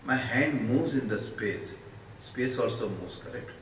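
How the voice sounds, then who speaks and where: An Indian-accented man delivers a philosophical discourse to students in a large, echoey space. He speaks slowly and emphatically, setting out rhetorical questions and short answers. The mic is at a distance, with faint noise behind him. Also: medium pitch, expressive, fairly bright tone.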